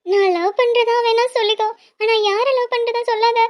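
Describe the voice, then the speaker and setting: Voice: very high voice, steady tone, moderate pace. A performer voicing a young woman in a cartoon, a lovesick younger sister who pleads in distress. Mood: upset. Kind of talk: cartoon voice acting.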